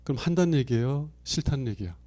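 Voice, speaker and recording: Middle-aged male pastor, mellow voice, chatty storytelling sermon style. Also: medium pitch, expressive, quick pace. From Chungcheong Province, Korea. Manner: conversational storytelling, acts out quoted lines with big swings in loudness. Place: church sanctuary.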